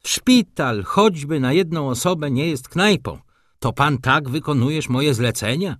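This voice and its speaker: A man's voice: a little high, expressive, measured pace, a bit bright, no echo, clean studio sound, voice pushed up. A man doing a sardonic, scolding doctor. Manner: scolding, ironic. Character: brusque, sardonic middle-aged male doctor.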